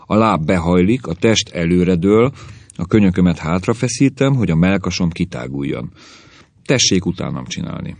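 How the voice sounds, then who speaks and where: A man's voice: low voice, expressive, a little mellow, dry recording. A man doing a pedantic old-school gym professor. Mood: lecturing. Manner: lecturing, corrective. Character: stern male professor of physical education, pedantic.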